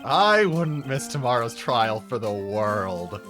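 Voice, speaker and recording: A man voicing a calm, level-headed adult male defense lawyer in a fan voice-over of a game. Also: medium pitch, slow, faint music behind.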